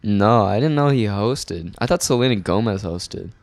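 A young man, a guest on a casual podcast chat, laid-back and joking, often trailing off quietly. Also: lowish voice, lively intonation, normal speed, no echo.

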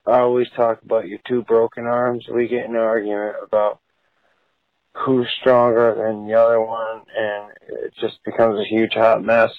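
A man's voice: on the low side, flat delivery, normal speed, no room sound. Drunk male caller over a landline phone, rambling and crude, muffled lo-fi sound with a dry, close feel. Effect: heard over a phone line as a voicemail. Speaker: voicemail caller. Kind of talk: phoned-in voicemail rant. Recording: dull lo-fi phone voicemail.

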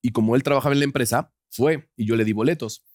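A man's voice: mid-range voice, fast, darkish tone, no echo, studio quality. A man, a talk-show guest and theater producer, chiming in with jokes in casual chat. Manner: playful, chimes in with jokes.

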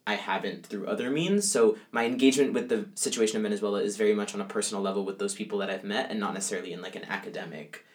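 Rapid-fire and hardly pausing, this young man's lowish voice belongs to a college student being interviewed. He answers conversationally, with plenty of fillers such as "like" and "um" and frequent restarts.

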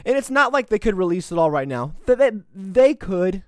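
Speaking in a high-pitched, smooth, sing-song voice at normal speed, a podcast host in his twenties delivers opinionated solo commentary. He comes across as sarcastic, combative and rambling. The audio is studio quality with no echo.

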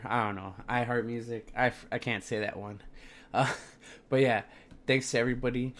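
A young man talking sports on a solo podcast in a brash, slangy, sweary frat-bro manner, sounding sick and tired. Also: mid-range voice.

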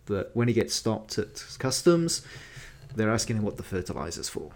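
A man's voice: lowish voice, moderate pace. A man hosting a podcast, running a quiz and chatting casually with fillers. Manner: relaxed, chatty, with frequent fillers. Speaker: podcast host.

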